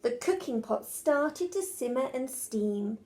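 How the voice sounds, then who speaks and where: A woman's voice: sits high, lively intonation, slow pace, a little mellow. A woman teacher reading a rhyming children's storybook aloud in a rhythmic, sing-song way.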